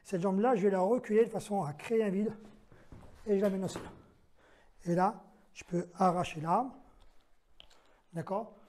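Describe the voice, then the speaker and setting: A man's voice: sits high, normal speed, pauses often, a little mellow, a little hiss or hum. A man leading a self-defense lesson, explaining each move step by step while demonstrating and counting the moves aloud. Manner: explains step by step, checks in with "d'accord?".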